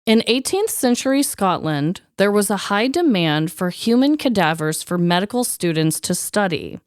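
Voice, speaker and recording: A woman's voice: mid-range voice, sing-song, normal speed, smooth, no echo, studio quality. A woman co-hosting a podcast in casual, chatty style, with a slightly wheezy voice and a playfully dramatic, emphatic way of talking. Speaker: podcast co-host.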